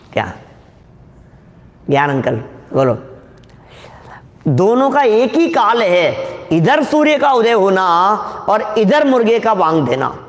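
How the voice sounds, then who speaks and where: A man with a fairly high voice gives a scripture discourse to a gathered audience. He explains each point patiently and keeps turning questions back to his listeners, his words trailing into a long hall reverb. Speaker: scripture teacher.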